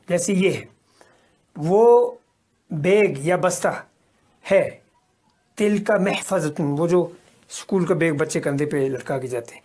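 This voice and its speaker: A man from Kashmir teaching an Arabic lesson, reading example sentences slowly and explaining between them at a quicker pace. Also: high voice, a little mellow. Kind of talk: recorded language lesson.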